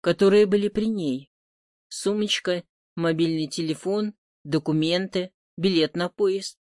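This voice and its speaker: Женщина изображает усталого следователя-мужчину. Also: female voice, on the low side, steady tone, measured pace, no room sound, studio quality, close to an everyday voice. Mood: weary. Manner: quiet, persistent questioning. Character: patient, weary male senior investigator. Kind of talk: audiobook character voice.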